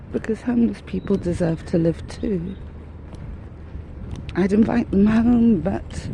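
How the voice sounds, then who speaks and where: With a gravelly, dark, mid-range voice, a woman rambles breathlessly through a candid, wry walking vlog while out with her dogs. The rough recording has a little hiss or hum, and faint outdoor ambience sits behind her.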